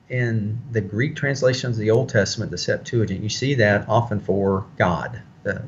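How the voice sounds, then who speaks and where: A man teaching a Bible study in a conversational way, explaining passages with frequent pauses and fillers. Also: on the low side, a bit bright, dull audio.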